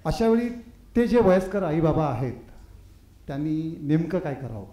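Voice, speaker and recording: A man's voice: on the high side, sing-song, moderate pace, mellow. A man hosting the event who asks the speaker questions. He is hesitant and rephrases his questions as he goes. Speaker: host asking questions. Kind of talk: formal questioning. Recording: echoey hall.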